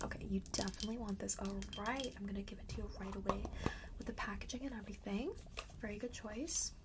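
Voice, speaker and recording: A woman does a chatty, playful ASMR roleplay as a friendly, boastful perfume seller from an enchanted forest, often repeating phrases for emphasis. She whispers breathily, mostly unvoiced, in a mid-range voice. There is heavy background noise.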